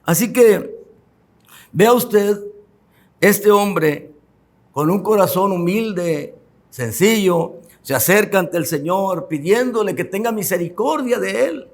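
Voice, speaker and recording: A man pastor preaching a sermon with fervor, repeating phrases for emphasis, speaking directly to the listeners and drawing out key words slowly. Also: sits high, animated. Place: church.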